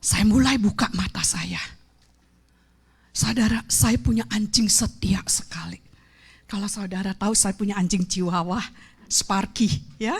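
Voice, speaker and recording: A woman evangelist giving an emotional testimony sermon in a church, moving from hushed whispers to loud, fervent exclamations. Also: mid-range voice, measured pace, husky. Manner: addresses the congregation as "saudara" and mixes in English phrases. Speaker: evangelist preacher. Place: church sanctuary.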